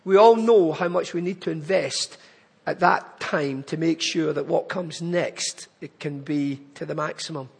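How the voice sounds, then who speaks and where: A man's voice: on the high side, measured pace, vocal fry, husky, big-room sound. A man with a Glaswegian Scottish accent, giving an earnest church appeal talk that addresses the congregation directly. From Glasgow, Scotland. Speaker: charity speaker at a church. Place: church hall.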